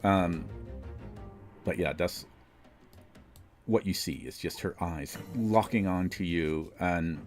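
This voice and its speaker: A man's voice: low voice, slow, pauses often, faint music behind. A man narrating a tabletop game as game master.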